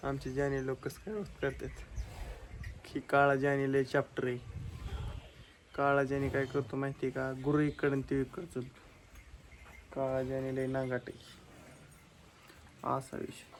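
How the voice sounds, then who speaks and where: Chatty man, flat voice. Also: medium pitch, normal speed, long pauses, rough recording. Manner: chatty and rambling, addresses viewers as friends. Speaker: vlogger. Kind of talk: casual vlog chat to camera. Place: outdoors on a farm at dusk. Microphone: phone camera. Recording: outdoor phone audio with clear background noise.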